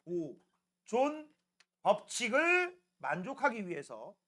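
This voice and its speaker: A man teaching a science class, quizzing students by name with quick questions in a casual, teasing way. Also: high voice, huge pitch swings, bright, forceful tone. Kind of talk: classroom lecture.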